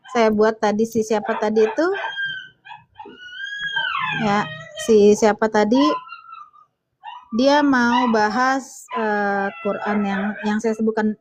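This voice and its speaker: High-voiced woman taunting her livestream callers. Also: takes it slowly, long pauses, background noise. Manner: teasing, challenging, laughs at callers. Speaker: livestream host. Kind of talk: casual livestream debate.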